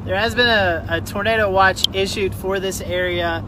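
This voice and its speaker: A man with a high voice hosts a storm chasing vlog. His delivery is casual and chatty. Loud wind and vehicle noise fills the recording. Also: fairly even intonation, moderate pace. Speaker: storm chaser hosting the vlog. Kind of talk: casual vlog chat and commentary. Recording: very noisy, wind and vehicle rumble.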